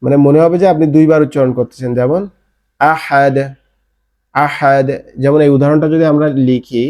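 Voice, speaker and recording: A man's voice: fairly high pitch, fairly even intonation, rapid-fire, mellow. A man from Bangladesh teaching an online Quran recitation class in Bengali-accented speech, drilling letter sounds and answering his own questions.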